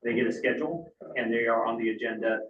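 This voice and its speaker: Playing a board chairman, a man runs the meeting procedure in a formal, courteous manner, with a mid-range voice and a quick pace. The recording sounds distant, roomy and dull, with faint noise.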